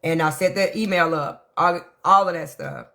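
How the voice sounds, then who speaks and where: A middle-aged woman holds court on her live stream. She is blunt and profane, keeps a bright, forceful tone, and greets viewers by name between points. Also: low voice, moderate pace, vocal fry. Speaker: livestream host. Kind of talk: casual live-stream rant to chat.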